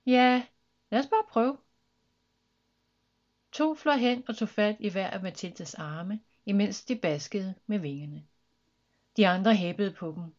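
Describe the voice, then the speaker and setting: A woman reading a children's story aloud with lively, expressive narration. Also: mid-range voice, muffled recording.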